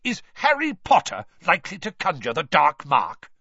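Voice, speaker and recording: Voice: medium pitch, sing-song, moderate pace, dry recording, muffled recording, voice pushed up. A narrator playing a hot-tempered middle-aged male wizard official who blusters and hectors in a growling manner. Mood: angry.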